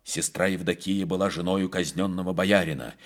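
A man's voice: sits low, steady tone, normal speed, natural voice. A man voicing an older abbess of a convent, speaking solemnly and devoutly in an audiobook. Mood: suspicious. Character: stern, fearful older abbess woman.

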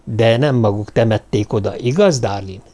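A man's voice: lowish voice, dark tone, lightly acted. A man reading an audiobook, voicing a stern male investigator who questions suspects firmly and insistently.

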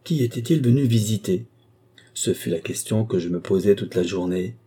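A man's voice: on the low side, normal speed, warm tone, breathy edge. A man voicing a sly, deferential valet who talks ceremoniously and at length in an audiobook. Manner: long-winded, ceremonious. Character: adult male valet, sly, wordy, deferential.

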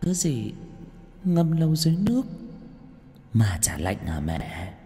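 A man voicing a drowned ghostly young daughter-in-law, who lisps and speaks gently. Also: mid-range voice, big pitch swings, unhurried, big-room sound. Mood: sweetly eerie. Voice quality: lisping, mispronouncing. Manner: gentle, soft-spoken.

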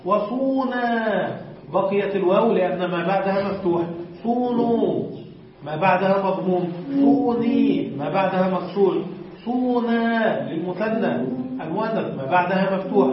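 A high-pitched man teaches a classroom lesson, laying out each rule step by step and drawing out his example words slowly. He stops to quiz his students. The recording is roomy and echoing, with a distant, dull lo-fi mic. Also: a little hiss or hum. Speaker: teacher of Arabic morphology.

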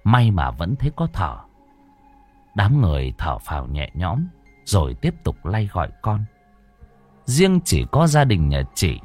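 A man narrating a ghost story with a dramatic delivery. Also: fairly low pitch.

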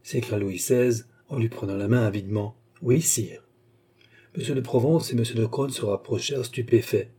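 A man reading a classic novel aloud in a steady, measured way. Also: mid-range voice, husky. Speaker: audiobook narrator. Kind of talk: scripted novel narration.

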